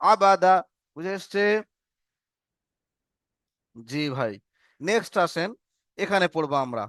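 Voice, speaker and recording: A man teaching an Arabic reading lesson, slowly drilling letters and syllables in call and response. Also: fairly high pitch, animated, fairly bright tone, no echo, clean studio sound.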